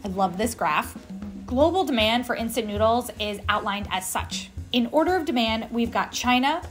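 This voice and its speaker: Chatty woman host in her 30s, kinda high voice, upbeat vlog talk, light music under it. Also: expressive, moderate pace. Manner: enthusiastic, chatty. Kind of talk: casual upbeat vlog narration.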